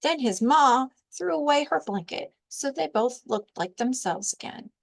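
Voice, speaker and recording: In a high voice, a woman narrates a children's storybook in the manner of a librarian storyteller, reading with care and expression.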